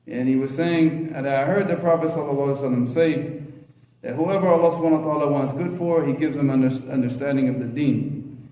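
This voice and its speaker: A man's voice: on the high side, fast talker. A man teaching a religious lesson informally, switching between English and Arabic as he reads, explains and puts questions to his listeners. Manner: repeats phrases and questions listeners rhetorically. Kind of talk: informal lecture reading and explaining a religious text. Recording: roomy echo, thin phone-like sound.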